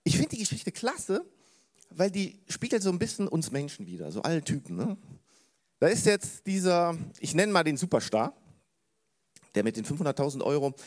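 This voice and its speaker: Male pastor, casual sermon, storytelling, high voice, church service. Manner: casual, storytelling, asks the congregation questions.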